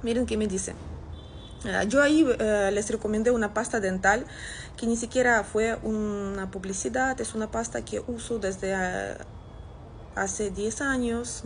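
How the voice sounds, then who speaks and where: A woman in her thirties from Russia, who creates social media content, speaks casually to camera while going through comments, her Russian accent clear. She keeps a measured pace and fairly even intonation at medium pitch. A phone held at arm's length picks her up, with a little hiss or hum.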